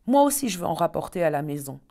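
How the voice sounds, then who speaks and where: A woman's voice: on the low side, big pitch swings, quick pace, gravelly, mellow, full character voice. A woman voicing a frightened but brave little girl who speaks in an earnest, pleading way.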